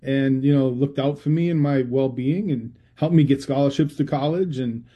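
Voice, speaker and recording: Answering interview questions as a guest, a middle-aged public health researcher from Massachusetts, USA, talks in a husky mid-range voice at a moderate pace, and the audio sounds dull. His Massachusetts-accented replies are conversational and rambling, full of restarts.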